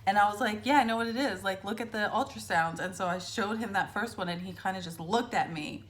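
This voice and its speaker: A woman's voice: mid-range voice, fairly quick. Chatty woman telling stories to camera. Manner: chatty, storytelling with lots of fillers and acted-out quotes. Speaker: vlogger. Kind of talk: casual chat to camera.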